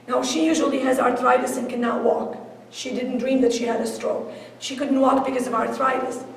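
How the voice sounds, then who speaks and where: A high-pitched woman tells a story to a room, voicing each person's words as she goes. She is heard from a distance, with heavy echo and a long reverb tail from a big hall. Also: darkish tone, slight background noise. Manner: vivid storyteller who acts out quoted speech. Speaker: presenter. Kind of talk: storytelling talk. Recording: echoey hall from far off.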